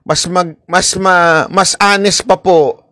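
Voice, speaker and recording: A man from the Philippines gives casual commentary in a high, lively voice. He talks straight to his viewers and laughs often. The recording is dry and close. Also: slow, dry recording. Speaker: political commentary vlogger.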